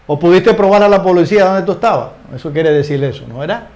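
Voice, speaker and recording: Older man, high voice, informal grammar teacher; chatty, checks in with tag questions, repeats words mid-thought. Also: lively intonation, fast, a little mellow. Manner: ends phrases with tag questions, repeats words while searching. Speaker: English teacher. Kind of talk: casual spoken grammar lesson.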